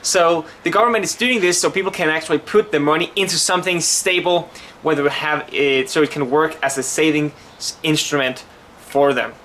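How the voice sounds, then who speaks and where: A man from Denmark, likely in his thirties, talks through markets in a casual explainer style. His voice is bright and forceful, pitched a little high, and he often stumbles, repeats words and restarts sentences. A faint hiss of noise sits under the recording. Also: fairly even intonation, normal speed. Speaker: crypto channel host.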